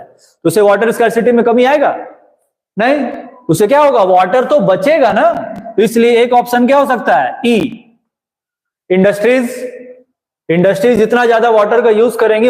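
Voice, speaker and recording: A male teacher with a high voice works through exam questions, posing each question and answering it himself. He keeps urging viewers to post their answers. The room is echoey with a long reverb tail. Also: a little mellow. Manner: asks and answers his own questions; urges viewers to comment.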